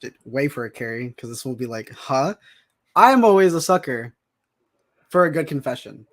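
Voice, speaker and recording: A man chatting casually as a podcast guest, excitable and rambling, with many restarts. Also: mid-range voice, fairly quick. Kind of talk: casual chat.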